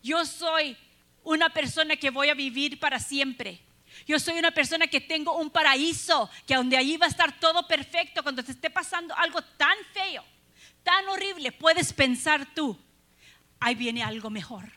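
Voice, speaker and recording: Woman preacher, high bright voice, earnest sermon with rhetorical questions. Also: moderate pace.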